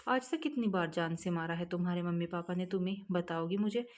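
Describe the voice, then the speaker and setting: A woman voicing a kind young man who gently and patiently advises a runaway girl. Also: fairly low pitch, a little fast, close to an everyday voice. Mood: gentle.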